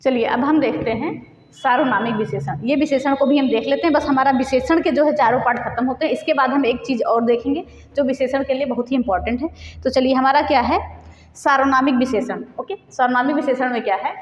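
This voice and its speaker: A woman's voice: high voice, brisk, slight background noise. A woman teaching a grammar lesson for exam preparation. She repeats her examples, asks questions and answers them herself, and drops English words into her talk. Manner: mixes English words into Hindi. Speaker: Hindi teacher. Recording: echoey, dull recording in a reverberant room.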